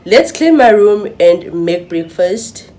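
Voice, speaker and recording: A woman's voice: fairly low pitch, animated, takes it slowly, mellow, reverberant, soft background music, rough recording. A woman vlogger chatting casually to camera in her hostel room, self-mocking and swearing freely.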